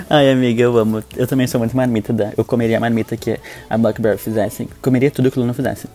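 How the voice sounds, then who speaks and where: Brazilian man, podcast co-host, gossipy, blunt, very quick speech. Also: medium pitch, little pitch movement, dark tone, soft background music. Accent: Brazilian Portuguese. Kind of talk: casual podcast chat.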